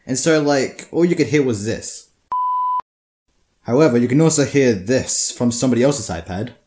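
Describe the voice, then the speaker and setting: Teen boy, mid-pitched, profane and rambling, casual storytelling. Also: lively intonation, moderate pace, mellow. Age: teenager. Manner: crude, profane, rambling with many restarts.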